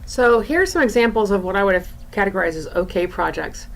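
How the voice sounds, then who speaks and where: In an informal recorded lesson, a female college design instructor walks through her screen, her explanations slow and halting. She speaks at a medium pitch with lively intonation, over clear background room noise.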